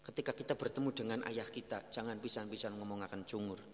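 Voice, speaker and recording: A middle-aged man with a Javanese accent, a kyai preaching and telling stories in a lively way. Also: on the low side, fast talker, a little hiss or hum. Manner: lively storytelling, mixing in Javanese phrases. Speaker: kyai teaching a religious study. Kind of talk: sermon. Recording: long hall reverb.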